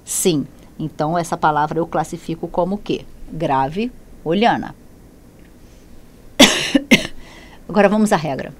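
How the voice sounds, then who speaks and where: A woman's voice: sits low, unhurried, pauses often. A woman teaching a Spanish lesson in Portuguese, who poses questions, answers them herself and corrects her slips as she goes. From Brazil. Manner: lively, repeats and self-corrects, asks and answers her own questions. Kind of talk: classroom lesson explaining grammar.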